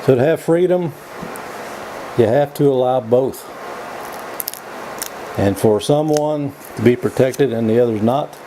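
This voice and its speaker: A man giving a casual, opinionated vlog monologue in a folksy, halting way, often repeating his words as he goes. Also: mid-range voice, background noise. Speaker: vlog host. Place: indoors.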